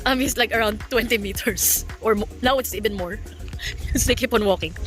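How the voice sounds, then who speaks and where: A product-reviewing vlogger with a Filipino accent chats casually and cheerfully outdoors in a forest, giggling as she goes. Her pitch is fairly high, her pace fairly quick, and faint music plays behind her.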